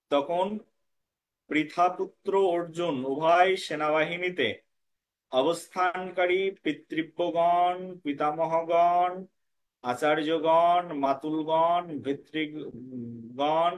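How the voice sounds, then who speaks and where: Man teaching verse chanting slowly. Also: a little high. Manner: explains quickly, then chants verses slowly. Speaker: Gita recitation teacher.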